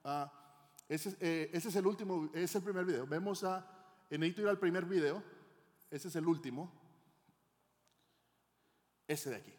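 A man's voice: fairly high pitch, normal speed, pauses often, darkish tone. A middle-aged male pastor preaching a teaching sermon, often asking the congregation questions. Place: church hall. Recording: long hall reverb.

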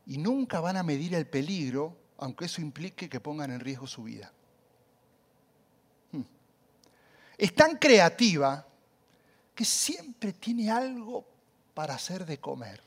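Man preaching, animated storytelling, loud cries and soft asides, slightly high voice. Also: unhurried, pauses often. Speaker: pastor. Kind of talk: sermon.

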